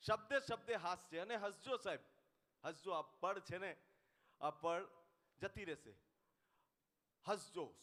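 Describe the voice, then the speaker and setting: A man's voice: high voice, fairly bright tone. A man with a Gujarati accent doing stand-up comedy on stage. He talks straight to the audience and acts out the people in his jokes. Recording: live hall with long reverb.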